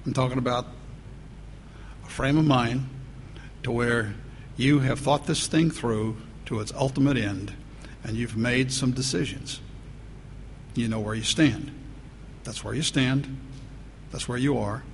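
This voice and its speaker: A man's voice: medium pitch, unhurried, long pauses. A man preaching a sermon as pastor, talking conversationally and repeating phrases for emphasis. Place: church. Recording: long church reverb, faint noise.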